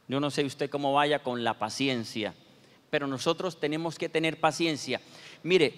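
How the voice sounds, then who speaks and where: A man's voice: fairly high pitch, fairly bright tone. A man preaching a sermon, telling stories and asking himself rhetorical questions. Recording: long hall reverb.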